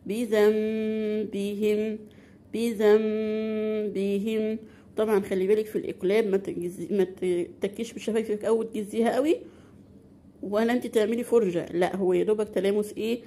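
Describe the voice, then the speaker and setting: A woman with an Egyptian Arabic accent teaches a beginner Quran recitation lesson. She poses questions and answers them herself, drawing out example words slowly. Her medium-pitched voice has fairly even intonation and a dark, slightly rough tone.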